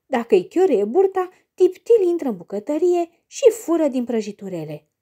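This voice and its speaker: A woman narrating a children's story in an expressive storybook-reading manner. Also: high voice.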